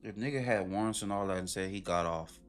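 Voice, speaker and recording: A man streaming, reacting to a video with animated, profane, rhetorical ranting in casual commentary. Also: sits low, fast, faint music behind.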